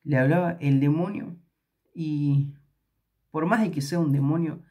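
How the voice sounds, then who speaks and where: A man's voice: fairly high pitch, unhurried, darkish tone. A man with an Argentine accent reading scripture aloud and commenting at a Bible study, hesitant with many fillers and restarts. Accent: Argentine Spanish.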